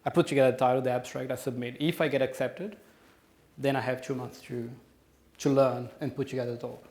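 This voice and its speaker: A man in his thirties with a Brazilian accent takes audience questions after his conference talk in a conference room. His medium-pitched, darkish voice is flat and brisk, yet he sounds hesitant, with frequent ums and restarts.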